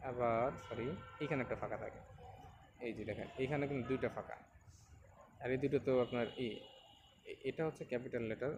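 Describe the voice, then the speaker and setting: A man teaching a beginners' reading lesson, patiently explaining and repeating each letter slowly for learners to copy. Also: medium pitch, background noise. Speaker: Quran teacher.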